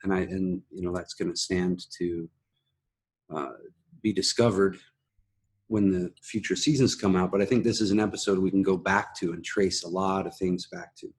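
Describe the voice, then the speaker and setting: A man hosting a conversational TV recap, explaining things in a halting way. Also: sits low, steady tone, slightly rough. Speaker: host of a TV recap show. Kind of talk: conversational episode analysis.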